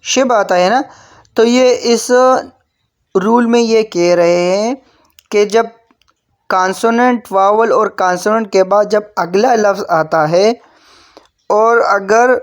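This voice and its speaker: A woman from Pakistan giving an online language lesson, patiently repeating key words and addressing viewers as friends. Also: medium pitch. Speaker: Korean language teacher.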